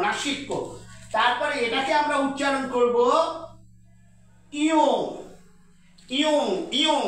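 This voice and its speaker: A young man teaching a grammar lesson, slowly repeating sounds to drill pronunciation. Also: very high voice, sharp tone. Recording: very echoey room, mic at a distance.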